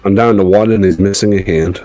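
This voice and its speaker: A man's voice: deep voice, steady tone, a little fast, dark tone, dry recording. A man chatting casually as a tabletop game player, sleepy and laid-back, yawning between remarks.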